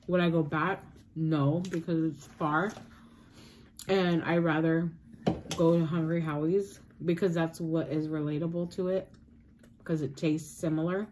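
A woman in a casual food vlog, talking through her verdict on a pizza in a fairly low voice. She hesitates with frequent ums and "like", and faint noise sits behind her. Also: a little mellow. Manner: hesitant, many fillers and "like". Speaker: mukbang vlogger. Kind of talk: casual food review chat.

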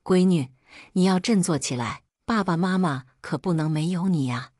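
Casting: a woman playing a worried older mother, low-pitched, pleading and soothing, dry studio sound. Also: moderate pace, darkish tone, no room sound, lightly acted. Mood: tearful. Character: worried older mother comforting her daughter.

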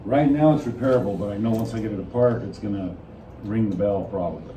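Deep-voiced mechanic heard from across the room. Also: male voice, fast. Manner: plain-spoken, matter-of-fact. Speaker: auto body mechanic. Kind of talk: casual explanation to a customer. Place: collision repair shop office. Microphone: distant phone camera. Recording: distant voice with background noise.

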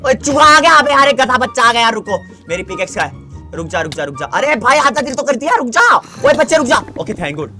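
Excitable young man narrating Minecraft play. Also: very high-pitched, fairly quick, soft background music. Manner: excitable, chatty, talks to the game. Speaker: gaming YouTuber. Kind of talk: Minecraft let's-play commentary.

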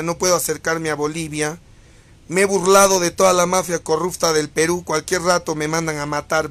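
High-voiced Peruvian man ranting. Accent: Peruvian Spanish. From Peru. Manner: theatrical and crude, swinging from mock shouting to low mutters. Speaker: video host reading viewer comments. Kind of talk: casual profane rant.

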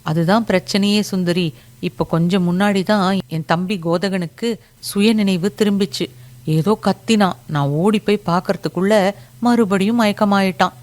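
A woman's voice: mid-range voice, moderate pace, close to an everyday voice. A woman voicing a flustered young village woman who talks her way past a neighbor's questions in a storybook reading. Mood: evasive. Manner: flustered, brushing things off. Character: Lakshmi, anxious young village woman covering up.

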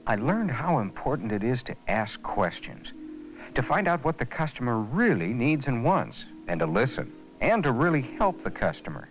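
Earnest man with a lively, expressive voice. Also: mid-range voice, moderate pace, dull audio, soft background music. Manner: earnest, reflective, lively intonation. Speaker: lead character in a training film. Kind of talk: 1980s educational film acting.

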